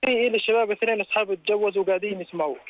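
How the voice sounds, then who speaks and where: A man in his thirties with a Jordanian Arabic accent calls into a radio show, chatting casually and sharing anecdotes. His voice sits high and his tone is steady, though he talks at a racing pace. The phone-call audio is muffled, with no room sound.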